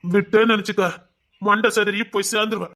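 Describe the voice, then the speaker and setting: A man's voice: sits high, level tone, fairly quick, a bit bright. A man doing a menacing vengeful thug. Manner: threatening, drops to a hiss. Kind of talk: one-man audio story acting.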